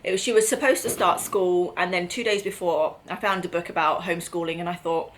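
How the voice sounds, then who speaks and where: A woman's voice: fairly low pitch, fairly even intonation, fairly quick, slight background noise, poor audio. A middle-aged woman with an English accent chatting casually as she hosts a family vlog, explaining things and checking in with tag questions. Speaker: mother hosting a family vlog. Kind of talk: casual chat.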